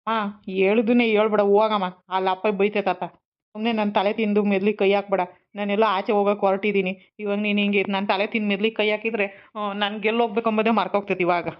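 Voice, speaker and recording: A woman playing a curt young husband and son who brushes people off with quick, brusque retorts, for an amateur family skit. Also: medium pitch, level tone, natural voice. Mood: dismissive. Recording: slightly dull lo-fi sound.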